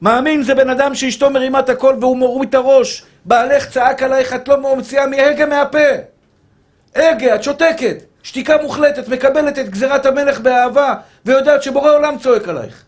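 Brief: man preaching a fervent sermon, voice pitched very high, calls his listeners brother. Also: steady tone. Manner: impassioned, addresses listeners as brother and pure soul.

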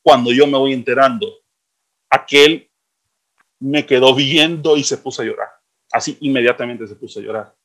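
A man's voice: medium pitch, steady tone, moderate pace, long pauses, fairly bright tone. A middle-aged man, telling stories in a casual chat and repeating words for emphasis. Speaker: co-host.

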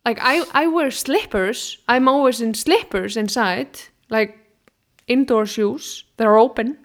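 A woman's voice: on the high side, unhurried. A woman from Iceland, chatting bluntly and opinionatedly. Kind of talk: casual chat.

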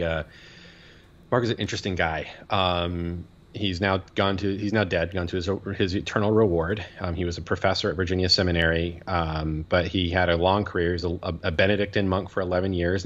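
Very deep-voiced man, rambling podcast talk. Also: muffled recording. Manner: rambling, many fillers and restarts. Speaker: podcast co-host and priest. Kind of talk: casual podcast chat.

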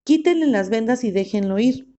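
A woman reading aloud the lines of Jesus, a calm male teacher, in a plain voice. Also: fairly high pitch, normal speed, muffled recording, lightly acted. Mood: solemn.

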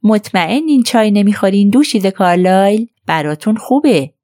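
A woman's voice: fairly low pitch, big pitch swings, darkish tone, no room sound, studio quality. A woman voicing a cheerful, bustling middle-aged nurse who talks in a chirpy, coaxing way.

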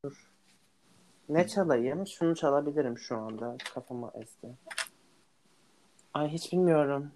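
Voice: medium pitch, moderate pace, pauses often, a little mellow, poor audio. A young adult co-hosting a casual chat, talkative and self-mocking, laughing often. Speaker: podcast co-host.

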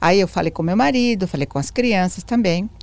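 Her medium-pitched voice moves briskly as she, an interview guest in her sixties or older, recounts her story in Portuguese with a foreign accent. Animated, she acts out the lines she quotes and repeats phrases along the way.

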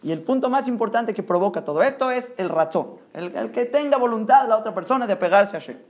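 A high-pitched man preaches a Torah sermon with rising emphasis. He drives his points home with rhetorical questions and sprinkles in Hebrew terms. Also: animated, fast.

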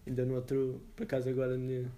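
A young man in casual, slangy podcast chat, thinking aloud in halting repetitions. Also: mid-range voice, monotone, warm tone. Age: young adult. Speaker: podcast co-host.

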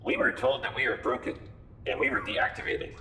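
A man voicing a small freed probe droid that answers in a flat, literal way. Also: mid-range voice, brisk, slight background noise. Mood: deadpan.

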